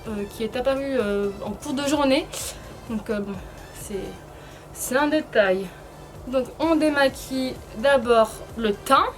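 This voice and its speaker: A woman giving a casual, chatty beauty tutorial, hesitant and informal, her speech slightly impeded by painful braces. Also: a little high. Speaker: beauty vlogger presenting a tutorial.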